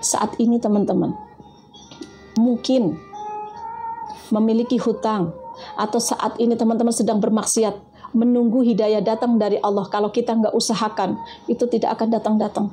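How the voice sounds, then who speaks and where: A woman gives a lively sermon to a gathered audience, her voice pitched fairly high with a mellow, soft tone. She keeps asking her listeners questions and slips Arabic prayers into casual talk. Faint music plays behind her. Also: normal speed, pauses often. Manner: lively, animated, rising and falling in pitch, addresses audience as friends. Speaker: preacher. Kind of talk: religious talk to a live audience.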